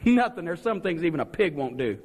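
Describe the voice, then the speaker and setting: A man's voice: on the high side, very animated, fairly quick, darkish tone, in a large hall. A man, a wrestling manager, cutting a sneering, mocking promo.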